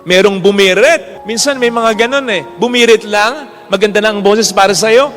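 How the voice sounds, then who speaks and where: A man, a priest preaching a sermon in an animated way, often jumping into quoted voices and mixing in English. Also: sits high, moderate pace, big-room sound, soft background music.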